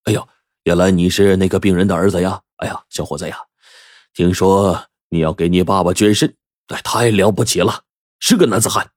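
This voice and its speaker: An effusive middle-aged company boss, as a male storyteller puts him on, full of drawn-out exclamations and a low voice. He speaks slowly and warmly, and the close recording is dry. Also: fairly even intonation, no echo.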